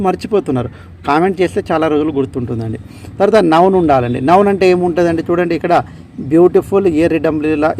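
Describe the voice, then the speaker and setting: A man teaching an English grammar lesson for exam preparation, explaining each question, repeating key words and reading the English sentences out slowly. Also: fairly high pitch, a little mellow.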